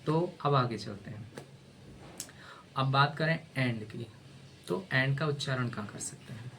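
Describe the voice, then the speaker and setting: A man's voice: mid-range voice, a little slow, fairly bright tone, a little hiss or hum. A male teacher gives a casual spoken lesson, spelling letters aloud and often asking "है ना?".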